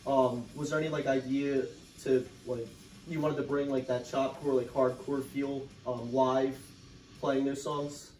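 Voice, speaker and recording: A man's voice: medium pitch, little pitch movement, measured pace, darkish tone, faint music behind. A man interviewing in a casual, rambling way, full of "like" and "um". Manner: rambling, heavy use of "like" and "um". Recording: roomy sound from a distant mic.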